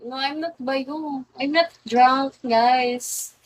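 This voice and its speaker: A woman's voice: high-pitched, fairly even intonation, very slow, very noisy. Giggly young woman live-streaming. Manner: giggly, mixes English and Filipino. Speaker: livestream host. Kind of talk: casual live-stream chat.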